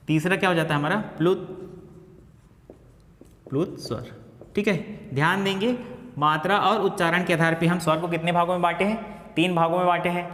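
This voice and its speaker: A male teacher giving a classroom lecture, asking and answering his own questions and slowly repeating key phrases. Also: on the high side, a bit bright. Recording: echoey classroom with long reverb.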